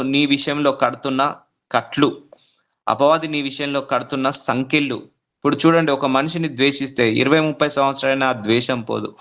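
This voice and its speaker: A man's voice: mid-range voice, fairly bright tone. A man preaching a sermon as pastor, repeating phrases, asking rhetorical questions and slipping English words in. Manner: repetitive, rising emphatic preaching with rhetorical questions; mixes English words into his speech.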